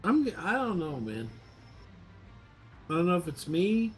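A man streaming from his home computer, talking in a halting, muttered running commentary as his video call keeps freezing, mildly frustrated and swearing now and then. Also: high voice, big pitch swings, soft background music. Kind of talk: casual live-stream chat.

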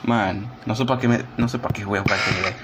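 A man's voice: fairly low pitch, steady tone, fast talker, very noisy. Young man groaning through a game stream. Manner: chatty, self-mocking, groans and sighs while playing. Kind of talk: casual live-stream gameplay chat.

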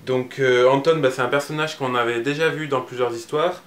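A man's voice: mid-range voice, fairly even intonation, fairly quick, a bit bright, roomy sound. A man presenting and reading a picture book aloud, casual and hesitant with many fillers.

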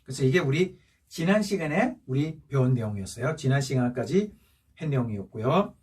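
Recorded far from the mic, this Chinese language teacher speaks in a mid-range, husky, darkish voice that is expressive and brisk. Teaching a class of seniors, he patiently repeats each point and checks understanding with rising questions.

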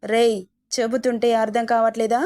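A woman's voice: on the high side, little pitch movement, moderate pace, a little mellow, natural voice. A woman reading a storybook, voicing a cruel and mocking young husband with a menacing, taunting manner. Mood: angry.

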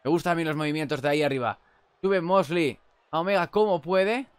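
High-voiced Spanish man calling a wrestling game. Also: fairly quick, clear, resonant tone, no room sound. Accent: Spain Spanish. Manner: exclaims loudly at big moves, chats casually. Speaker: gameplay commentator. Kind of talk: excited wrestling game commentary.

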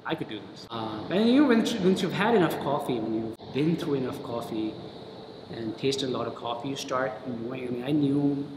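A man's voice: medium pitch, lively intonation, normal speed. Middle-aged male roaster, reflective interview talk, recorded in an echoey, noisy cafe. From Pakistan. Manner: reflective, restarts thoughts, trails off softly. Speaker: coffee roaster. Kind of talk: sit-down interview. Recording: roomy cafe with background noise.

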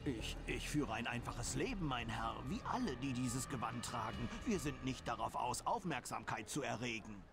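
A man's voice: medium pitch, lively intonation, moderate pace, few pauses, lightly acted. An actor playing a frightened male monk who stammers and pleads nervously, in game audio. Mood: fearful. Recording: game audio with music underneath.

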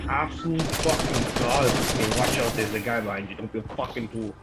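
A man's voice: mid-range voice, brisk, very noisy. A man streaming a shooter game, swearing constantly and trash-talking other players in casual chat. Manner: profane, loud trash talk at other players. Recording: loud game gunfire behind voice. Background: loud gunfire and vehicle sounds from the game.

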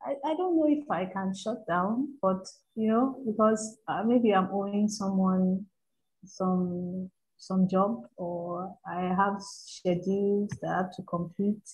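A woman with a mid-pitched voice speaks as a guest on an online panel. She talks hesitantly, pausing with fillers and laughing easily. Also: darkish tone, poor audio.

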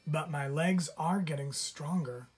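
A man's voice: on the high side, a little slow, a little hiss or hum, close to an everyday voice. A man doing a timid young fawn. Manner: soft and unsure.

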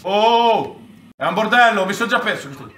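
A man reacting loudly to a virtual reality game, swearing and shouting in excitement. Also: high-pitched, moderate pace, far from the mic. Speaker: presenter playing a VR game. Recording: echoey room, voice off-mic.

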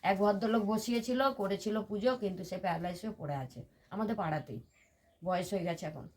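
A woman's voice: mid-range voice, brisk, darkish tone. An older woman from West Bengal, a temple devotee, telling her personal story in an interview in an earnest, detailed way. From West Bengal, India. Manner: earnest, detailed recounting with many reported quotes.

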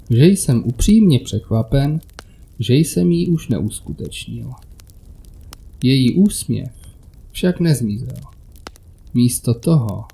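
Man, horror story narrator, very dark and mellow, measured, scripted. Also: mid-range voice.

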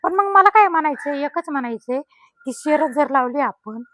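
This is a middle-aged woman, chatting through a vlog outdoors at a cow shelter. Her voice sits high and rings bright, recorded close with little room sound. She coaxes in a sing-song way, chatty and homely. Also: expressive, moderate pace, no echo. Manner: coaxing, sing-song talk to cows. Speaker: vlogger. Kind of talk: casual vlog narration.

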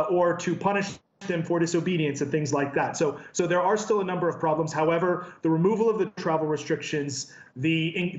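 A man in his thirties, a human rights researcher, speaking in a measured way in a live remote news interview, with many fillers and restarts. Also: fairly high pitch. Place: office with a branded backdrop. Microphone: earpiece and camera video link. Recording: roomy, dull remote feed.

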